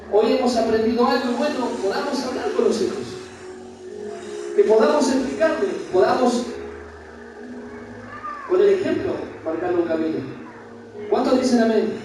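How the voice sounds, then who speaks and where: High-voiced pastor in an echoey hall. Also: male voice. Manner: impassioned, questions the congregation directly. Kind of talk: preaching a Bible study sermon. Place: church hall. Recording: very echoey hall, voice from far off with background noise.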